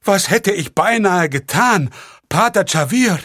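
A panicked older churchman, voiced by a male audiobook reader, stammering in horror. His voice rides high above the reader's own. The recording is dry and close. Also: expressive, a little slow, a bit bright, no echo, exaggerated voice. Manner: stammering, aghast.

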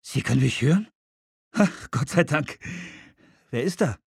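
Guy doing a whiny frazzled young guy, pitched up, kinda loud. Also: expressive, moderate pace, no room sound, studio quality. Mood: anxious. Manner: plaintive and rising. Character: flustered young man, cold and ignored.

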